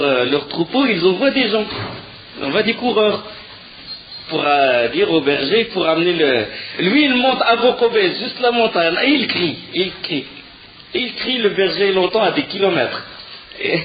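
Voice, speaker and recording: Male religious teacher, higher-pitched, muffled recording with faint hiss, lively storytelling lecture. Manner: animated storytelling, rising with emotion, frequent fillers and restarts.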